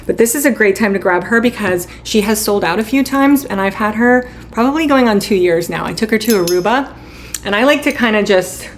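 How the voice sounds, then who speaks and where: A woman hosting a live shopping stream in a bubbly, chatty way, calling viewers sweetheart and honey. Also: mid-range voice. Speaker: livestream shopping host. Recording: echoey room, faint background noise.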